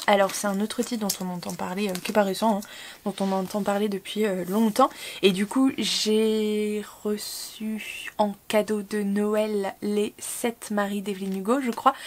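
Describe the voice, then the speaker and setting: A woman chats casually to camera about her book hauls. She rambles, fills gaps with hesitations and corrects herself mid-sentence. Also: medium pitch. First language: French. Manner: rambling, many fillers and self-corrections. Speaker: book vlogger. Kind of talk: casual chat.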